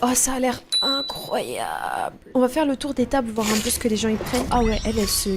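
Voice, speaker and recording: A young woman hosting a chatty food vlog, gushing excitedly over dishes and talking straight to her viewers. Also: a little high, a little fast. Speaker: food vlogger. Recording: background music under the voice.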